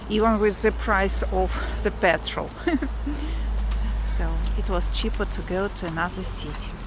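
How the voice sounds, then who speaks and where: Walking outdoors in a provincial town, a vlogger with a Russian accent talks casually, halting now and then while she looks for the right English word. She has a mid-range voice, and vehicles and clear urban street noise run throughout.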